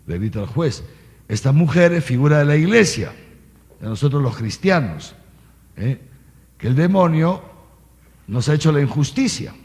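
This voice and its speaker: A man giving a catechesis sermon as an archbishop. He reads scripture aloud, explains it in everyday words and keeps tossing questions and a quick "¿eh?" to his listeners. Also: medium pitch, creaky. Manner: animated, peppers talk with "¿eh?" and questions to listeners. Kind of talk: catechesis sermon to a live audience. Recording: long reverb of a large hall.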